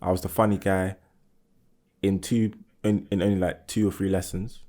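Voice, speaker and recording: Man, twenties, London roadman accent, slightly deep, slangy, repetitive short phrases, casual banter. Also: flat delivery, normal speed, a little mellow. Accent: London urban roadman slang accent. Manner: slangy, short repeated interjections. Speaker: podcast co-host.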